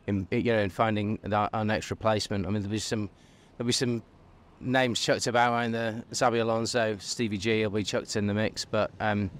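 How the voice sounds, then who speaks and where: A man in his forties with a lowish voice gives a considered street interview. He picks his words with frequent pauses, speaking into a handheld mic. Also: fairly even intonation. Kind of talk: street vox pop interview. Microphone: handheld interviewer's microphone.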